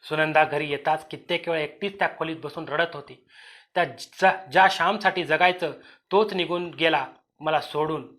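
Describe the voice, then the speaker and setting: A man narrating a dramatic audio story in a slow, emotional way, with occasional restarts. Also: a little high, fairly bright tone.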